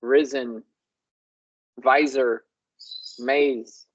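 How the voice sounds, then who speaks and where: A language show host who muses slowly and says words aloud to compare how they sound. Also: mid-range voice, fairly even intonation, highs cut off. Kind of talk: slow, exploratory discussion of word sounds.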